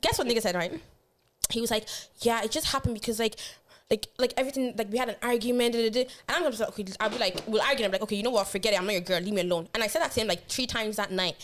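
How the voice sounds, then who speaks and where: A young woman, telling a story in animated, slangy podcast chat. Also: a little high, very fast. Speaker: podcast co-host.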